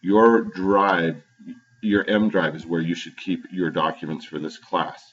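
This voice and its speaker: A male teacher at home giving a halting screen-recorded computer tutorial with frequent fillers and restarts, recorded on his computer's low-quality built-in microphone. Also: steady tone, fairly bright tone. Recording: dull lo-fi built-in computer mic.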